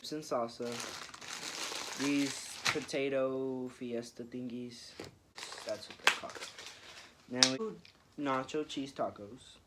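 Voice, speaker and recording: A man's voice: mid-range voice, steady tone, slow, pauses often, heavy background noise. A young man, a new father, with a congested, froggy throat, chatting easily and rambling through a story in a vlog. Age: young adult. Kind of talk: casual chat over a mukbang.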